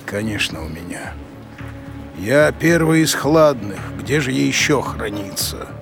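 A man playing an ancient, grave undead master in an audio drama, speaking in a measured, ominous way. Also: medium pitch, expressive, vocal fry, music in the background. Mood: wary.

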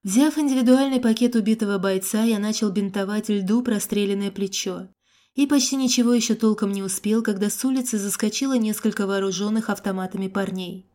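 A woman narrating a first-person action fantasy audiobook with a steady, expressive reading. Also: mid-range voice, a little fast.

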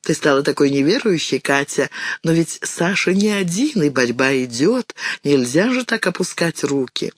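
Storybook mother, gentle and fussing, read by a man, slightly lifted voice, dry close sound. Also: a little high, lively intonation, normal speed, dry recording. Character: young mother, gentle, anxious, thrifty.

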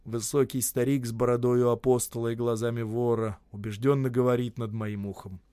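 A man narrating literary prose in a measured, dramatic storytelling way. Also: medium pitch, level tone, dark tone, clear, resonant tone, dry recording. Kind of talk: audiobook reading of literary prose.

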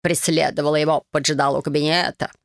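An audiobook reader voicing a smug, greedy young male fashion genius, speaking slowly and drawing out the words. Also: mid-range voice, flat delivery, creaky, no echo, clean studio sound, natural voice. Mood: mocking.

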